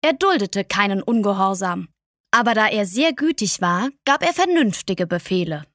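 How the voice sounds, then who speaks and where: A woman narrating a storybook in a measured, expressive way. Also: mid-range voice, no echo, clean studio sound. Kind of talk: storybook reading.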